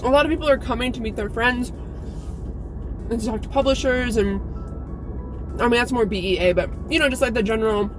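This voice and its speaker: A woman's voice: fairly high pitch, brisk, long pauses, over music. A woman from Alaska with an American accent chats casually to her viewers in a candid, informal, sweary way, like a vlogger. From Alaska, United States. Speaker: YouTube book reviewer and vlogger. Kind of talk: casual vlog chat. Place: inside a parked car.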